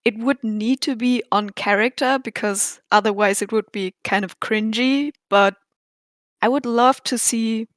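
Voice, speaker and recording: Higher-voiced woman, slow and thoughtful, pauses a lot, dry close mic. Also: dry recording. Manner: thoughtful, hesitant. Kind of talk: casual chat.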